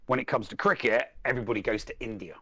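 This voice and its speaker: A man's voice: mid-range voice, fast talker, bright, forceful tone, husky, dry recording. A man in casual chat as a guest, rambling and repeating words as he searches for them.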